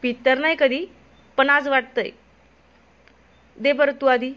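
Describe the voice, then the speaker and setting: A woman's voice: high voice, fairly even intonation, a little slow, lo-fi sound. A woman voicing an honest, worried young husband who works as an office clerk, speaking in an earnest, pleading way.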